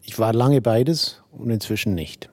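A man's voice: medium pitch, unhurried, darkish tone, no room sound. A man in his sixties from Switzerland, with a mixed Swiss German accent, answering radio interview questions in a reflective, hesitant way with many restarts. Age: 60s. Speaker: cabaret songwriter, interview guest.

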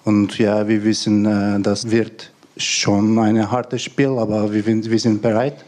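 A man with a Turkish accent speaks in a low, flat voice, giving a halting interview answer as a football player. He searches for words and speaks in a non-native way. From Turkey. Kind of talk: interview soundbite.

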